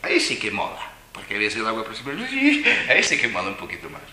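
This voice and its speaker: Animated man telling stories. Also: on the low side, fast talker. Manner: animated, laughing, playful voices when quoting. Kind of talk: storytelling to a live audience. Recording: echoey room, faint noise.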